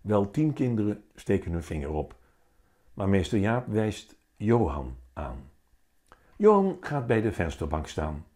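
Slow, expressive male storyteller. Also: on the low side. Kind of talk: reading a children's story aloud.

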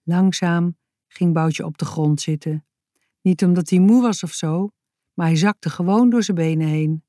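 A woman reads a children's story aloud, very slowly and calmly, in a low, mellow voice. The recording is dry and close, with no room sound. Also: no echo. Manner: calm, measured storytelling. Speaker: narrator. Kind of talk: reading a children's book aloud.

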